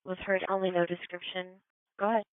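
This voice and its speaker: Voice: mid-range voice, level tone, fast talker, a little hiss or hum. A police radio dispatcher giving clipped, procedural calls over the radio. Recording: narrowband, phone-like police scanner radio.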